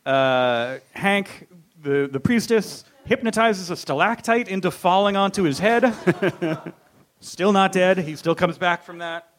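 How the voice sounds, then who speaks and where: A podcast host with a high-pitched, slightly slow voice recaps a film in a casual, comedic chat. His manner is wry and jokey, and he often laughs while talking.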